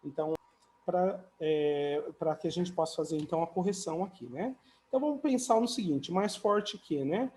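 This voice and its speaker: A man with a mellow, warm voice gives a relaxed, chatty video lesson on English grammar, tossing in tag questions and small jokes as he goes. A faint hum of background noise sits under his voice. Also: fairly high pitch, normal speed. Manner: chatty, adds "né?" and "tá?" often, light jokes. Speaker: English teacher.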